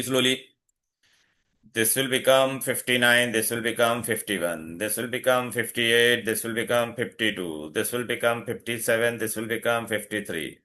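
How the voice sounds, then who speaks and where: A man's voice: mid-range voice, pushed and bright. A man with an Indian accent teaching an online lesson, insistently asking questions and switching between English and Hindi. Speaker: chemistry teacher.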